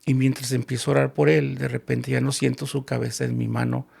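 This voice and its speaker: Man, guest storyteller in an interview, heavy vocal fry, plays out each quote in the story. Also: mid-range voice, fairly quick. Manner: animated storyteller acting out quoted dialogue.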